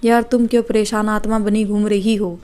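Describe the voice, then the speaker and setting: A woman's voice: mid-range voice, level tone, fairly quick, dark tone, clean tone, lightly acted. A woman voicing a cheeky young man on a train who teases and mocks in playful banter. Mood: teasing.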